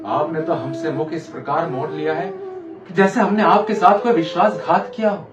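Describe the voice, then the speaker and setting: A man playing a lovesick, anguished emperor in a Ramayana stage monologue, declaiming grandly to his sulking queen and swinging between hushed and loud delivery. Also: a little high, fairly even intonation, normal speed, over music, natural voice. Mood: imploring, devoted. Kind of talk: theatrical Hindi stage monologue from a Ramayana play. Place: theatre stage, with music behind the voice. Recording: echoey theatre hall, distant mic.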